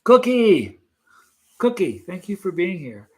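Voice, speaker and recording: Man, nearly sixty, hosting a live stream; chatty, animated, laughs a lot, voice on the higher side. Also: takes it slowly. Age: 50s. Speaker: channel host reading live chat. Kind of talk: casual live-stream chat.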